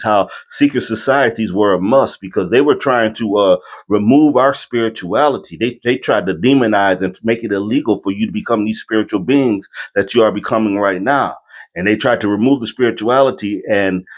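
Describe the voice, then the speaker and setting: Male reaction host, low register, informal explanatory delivery, speaks straight to viewers about spiritual ideas. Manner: explanatory, addressing viewers familiarly. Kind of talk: casual spiritual commentary.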